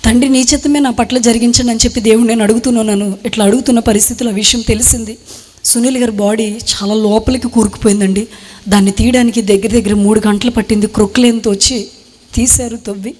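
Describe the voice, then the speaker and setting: Young woman, kinda high voice, earnest halting testimony, long echo like a big hall. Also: steady tone, a little mellow, slightly rough. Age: young adult. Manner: earnest, halting retelling in short phrases. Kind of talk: emotional spoken testimony.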